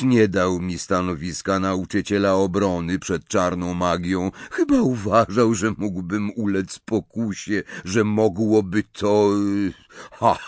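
A man voicing a cold, sardonic middle-aged wizard who speaks calmly and with boredom. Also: sits low, no room sound. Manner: calm, bored, measured.

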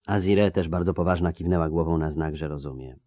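Low-voiced male audiobook narrator. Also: fairly quick, warm tone, no echo, studio quality. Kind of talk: scripted narration.

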